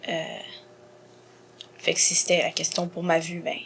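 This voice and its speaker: A woman in her twenties from Montreal with a Quebec French accent, a guest in an interview, soft-spoken with many fillers, often trailing off quietly. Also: fairly low pitch, completely flat delivery, normal speed, gravelly, a little hiss or hum. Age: 20s.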